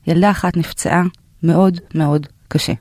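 A woman hosting a parenting podcast, gently prompting her guest with short questions. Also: lowish voice, steady tone, dry recording, clean studio sound. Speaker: podcast host. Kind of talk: podcast interview.

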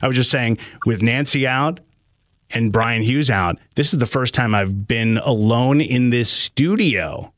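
A middle-aged man hosts a casual radio call-in show from a studio, chatting in a rambling, hesitant way. His voice sits at medium pitch, a bit bright and a little slow, picked up by a close studio microphone.

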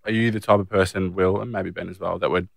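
A young Australian man chats on a podcast with a very low, steady voice. He teases dryly but turns earnest when he means it. The sound is close and dry. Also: quick pace, gravelly, no echo. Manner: dry teasing, earnest at times. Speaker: podcast co-host, footballer. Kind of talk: casual podcast chat.

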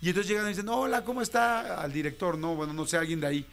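A Mexican radio host in his fifties animatedly tells a slangy story about his first job, acting out the voices, in Mexican Spanish casual storytelling. His fairly high voice moves very fast over soft background music.

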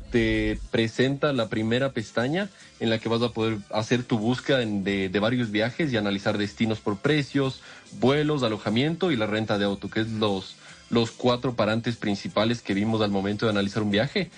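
Casting: guest man, mid-pitched voice, explains at length and hesitates often. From Ecuador. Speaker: guest, entrepreneur. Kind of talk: radio interview.

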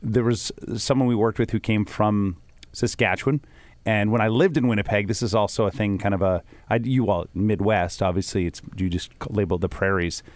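A man's voice: lowish voice, steady tone, fairly quick, no room sound. A middle-aged man from rural Ontario with a light Canadian accent, co-hosting a radio show in casual chat, rambling and restarting his sentences. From Bruce County, Ontario, Canada. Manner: rambling, self-interrupting, laughs often. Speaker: radio co-host.

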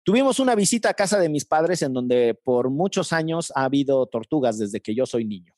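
A man with a Mexican accent telling a comic anecdote in casual chat, animated and quick to laugh. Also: medium pitch, no room sound, clean studio sound. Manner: animated, laughs often, acts out voices in anecdotes. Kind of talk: casual comedic storytelling.

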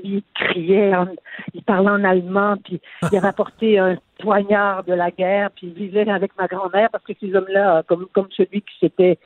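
Older woman, radio caller, halting and earnest, husky, tinny phone line. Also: medium pitch, no echo. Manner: halting, many restarts, earnest. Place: on a phone call from abroad.

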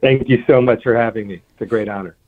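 A man's voice: medium pitch, quick pace. A man from New Jersey, a guest on a radio interview, talking earnestly and often restarting his sentences. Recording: tinny phone line.

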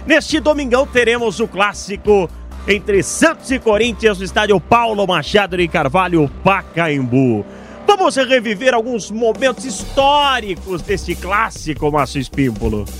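A man hosting a radio sports show in a lively, punchy announcer style with short interjections. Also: high-pitched, measured pace, faint music behind.

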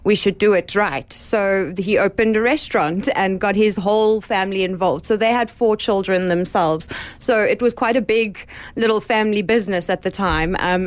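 A woman's voice: medium pitch, normal speed. A woman who manages a restaurant, chatting in an interview with a friendly, easygoing manner and laughing easily. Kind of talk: casual interview chat.

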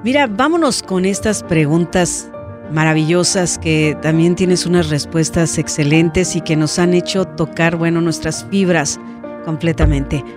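A woman's voice: on the low side, a little slow. Encouraging woman hosting an interview. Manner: warm encouraging listener, short affirmations. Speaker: host. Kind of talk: casual interview. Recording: music bed underneath.

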